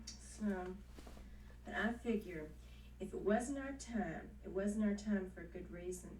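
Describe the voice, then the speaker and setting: An actress playing a hopeful country singer wife in a television soap, with a Southern American accent and folksy determination. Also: female voice, medium pitch, measured pace, darkish tone, lightly acted. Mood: gentle, resolute. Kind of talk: television soap opera acting. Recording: roomy, distant, hissy 1970s TV soundtrack.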